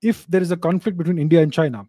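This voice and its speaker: A middle-aged man hosts a live geopolitics Q&A from his home study and works through each point in a steady, measured way. His voice sits a little high for a man but has a mellow, dark colour. The close studio mic keeps it dry, with almost no room sound. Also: dry recording. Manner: measured, explanatory, repeats key points. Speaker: host answering live video call questions. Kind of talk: live video chat Q&A on geopolitics. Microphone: studio mic on a boom arm, close.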